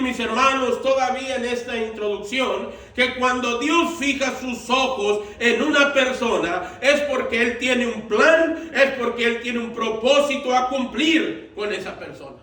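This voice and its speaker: Slow, high-voiced preaching pastor. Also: male voice, bright, forceful tone. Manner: slow, deliberate preaching with repeated phrases. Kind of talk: sermon. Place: church sanctuary. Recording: echoey church room, mic at a distance.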